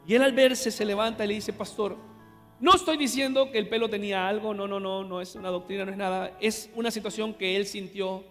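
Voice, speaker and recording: Honduran pastor preaching, high voice, big church echo, soft music under him. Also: male voice, brisk. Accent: Honduran Spanish. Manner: storytelling, swings from hushed to loud exclamations. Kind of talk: sermon. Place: large church hall. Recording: live church hall reverb with music.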